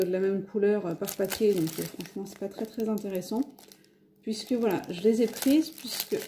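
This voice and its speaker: A woman's voice: mid-range voice, mellow, slight background noise. French woman chatting through a craft haul. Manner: hesitant, many fillers and restarts. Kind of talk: casual haul video talk. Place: home, near a window.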